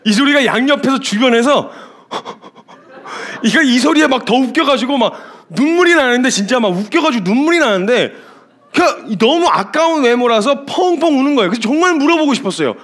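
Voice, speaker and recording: High, animated male preacher. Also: fairly quick. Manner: emphatic storytelling with lively asides. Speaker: missionary preacher. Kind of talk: sermon.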